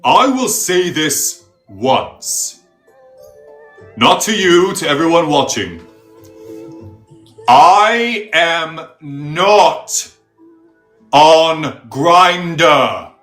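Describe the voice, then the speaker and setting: A man's voice: a little high, very animated, drawn-out words, pauses often, a bit bright, roomy sound, soft background music, exaggerated voice. A man playing a pompous, self-styled pickle priest who makes grandiose pronouncements in mock-archaic speech. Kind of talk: comedic character interview.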